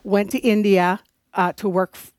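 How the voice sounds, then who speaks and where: A woman's voice: medium pitch, little pitch movement, moderate pace, a little mellow, no room sound, studio quality. A woman from North Dakota with a slight, mixed North Dakota accent, speaking conversationally as a radio interview guest. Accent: North Dakota, mixed with other areas. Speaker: radio show guest, resource center director.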